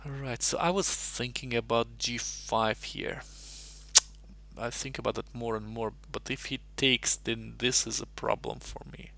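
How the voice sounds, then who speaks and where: Very gravelly Russian-born man chatting. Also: mid-range voice, steady tone, measured pace, fairly bright tone, slight background noise. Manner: thinks aloud while solving puzzles, chatty and rambling. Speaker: chess streamer. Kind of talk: casual live-stream chat.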